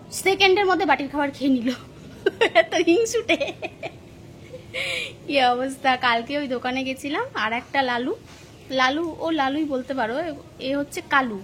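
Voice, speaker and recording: Brief: woman vlogger, high voice, chatty homey storyteller, faint room hum. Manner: chatty, storytelling, laughing often. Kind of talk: casual chat to viewers while cooking. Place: home kitchen.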